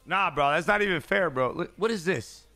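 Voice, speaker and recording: A man in his thirties with a high, bright voice and a gravelly edge, chatting on a gaming headset. He teases in a playful, slangy way, his pitch swinging up and down constantly. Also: expressive, a little fast, soft background music. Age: 30s. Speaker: streamer host. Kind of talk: casual gaming chat. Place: streaming room, indoors.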